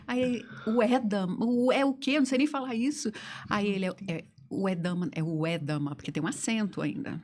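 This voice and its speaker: A woman hosting a podcast, telling an animated story in casual conversation and laughing often. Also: mid-range voice, a little fast. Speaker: podcast host.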